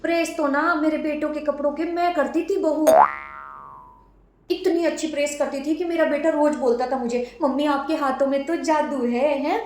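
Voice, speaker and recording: A woman plays a nagging mother-in-law in a comedy sketch, boasting and scolding in a high voice while she keeps prodding for agreement. The sound is roomy and echoey. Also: fairly even intonation, normal speed, a little mellow, a little hiss or hum, lightly acted. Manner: scolding, self-praising, keeps prodding with "हैं?". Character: nagging middle-aged mother-in-law, boastful about her son.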